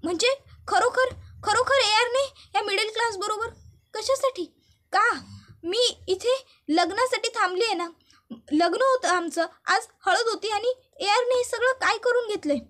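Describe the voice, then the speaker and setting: A woman's voice: very high voice, a little slow, fairly bright tone, pitched above the performer's own voice. A distraught young bride, furious and tearful, hurls accusing, pleading outbursts in a raised, piercing voice, as a woman narrator puts her on. She is a storybook figure in a serial retelling.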